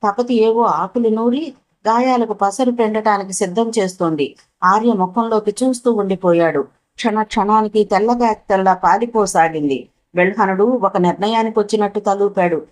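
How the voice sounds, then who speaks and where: A woman narrating a novel as an audiobook, with a dramatic, expressive reading. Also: mid-range voice, normal speed, poor audio.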